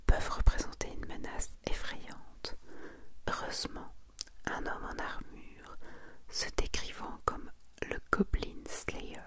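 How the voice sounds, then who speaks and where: Whispering without any rush, a female ASMR creator goes through her manga collection, reading sections aloud and sharing her thoughts in a soft, hushed voice.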